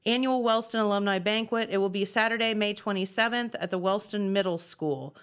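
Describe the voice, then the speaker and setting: A woman's voice: medium pitch, brisk, fairly bright tone, clear, resonant tone. A woman co-hosting a local morning TV show, chatting casually and reading community announcements in a studio.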